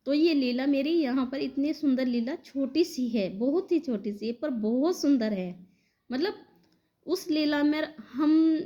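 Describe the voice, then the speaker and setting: High-voiced woman recounting a devotional vision. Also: dull audio. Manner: warm devotional address, conversational retelling. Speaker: devotional storyteller. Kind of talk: narrating a spiritual vision to devotees.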